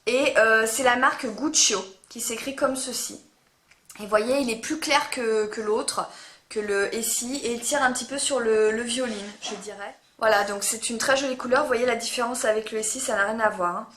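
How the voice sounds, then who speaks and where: Female beauty vlogger, higher-pitched, rambling and hesitant delivery, roomy echo. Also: normal speed, a bit bright. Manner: chatty, hesitant, full of "euh" fillers; stumbles over her words. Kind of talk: casual chat to camera. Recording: echoey room.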